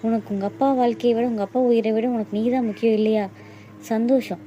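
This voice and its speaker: A woman's voice: fairly high pitch, steady tone, fast, mellow, lo-fi sound, faint music behind, lightly acted. A middle-aged woman playing a hurt mother who scolds her daughter bitterly. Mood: scolding. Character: angry, hurt mother of the bride.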